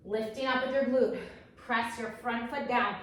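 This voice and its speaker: In a very reverberant room, a little way from the microphone, a woman leads exercise as an aerobics instructor. Her voice sits on the high side, and she gives short, encouraging, energetic commands. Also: moderate pace. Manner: encouraging, energetic coaching in short imperative cues. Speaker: fitness instructor leading a workout. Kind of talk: aerobics instructor cueing and counting down. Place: echoey room, exercising while talking. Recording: very echoey room, distant microphone.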